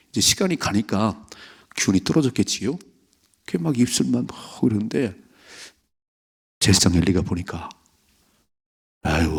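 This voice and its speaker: A man preaches at an early-morning church service in a low, somewhat husky voice. He reads scripture slowly, then breaks into animated storytelling and acts out the people in the passage. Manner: animated preaching, acting out biblical figures' voices. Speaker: pastor. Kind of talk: early-morning prayer sermon. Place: church sanctuary.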